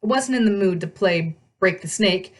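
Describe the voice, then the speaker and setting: A woman reading a novel aloud with animated delivery, often stumbling and correcting herself. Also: mid-range voice, normal speed. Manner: animated reading, frequent slips and self-corrections. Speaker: read-aloud host.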